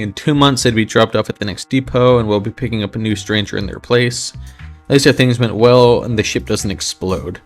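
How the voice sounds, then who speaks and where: A man reading a first-person sci-fi story aloud in an expressive way, voicing a bewildered astronaut. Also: medium pitch. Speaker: reader of an interactive story game.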